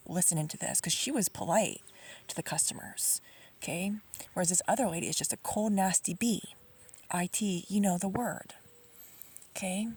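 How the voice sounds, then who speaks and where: A woman's voice: mid-range voice, darkish tone, slightly rough, distant mic. A woman telling an aggrieved, rambling complaint story to camera, full of fillers and sometimes dropping to a near-whisper. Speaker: vlogger.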